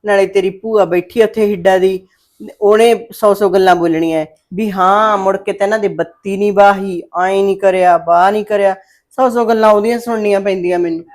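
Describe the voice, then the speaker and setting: A woman's voice: mid-range voice, fairly even intonation, fairly quick, natural voice. A woman playing a worried, scheming village mother who scolds and coaxes her daughter in a family drama. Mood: coaxing, scolding. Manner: fretful, scolding, loud when calling out. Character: scheming middle-aged village mother, worried and sharp-tongued.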